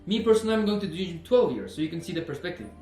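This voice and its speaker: A man's voice: sits high, big pitch swings, rapid-fire, dark tone, roomy sound, soft background music. A man, a personal trainer talking earnestly in a fitness vlog, repeating himself and saying "you know" often. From Norway. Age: 20s.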